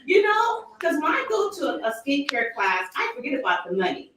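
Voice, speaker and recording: A woman's voice: sits high, huge pitch swings, fairly quick, a bit bright, heavy reverb, distant mic, a little hiss or hum, rough recording. A woman giving a motivational talk to her sales team, acting out quoted thoughts and laughing often.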